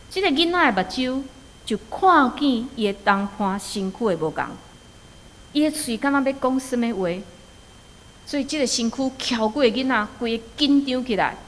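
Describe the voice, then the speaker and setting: A female preacher with a Taiwanese accent gives a sermon, her voice fairly high and fairly bright in tone. Alternating between narrative and exhortation, she often throws out rhetorical questions, and the sound carries the lengthy echo of a large hall.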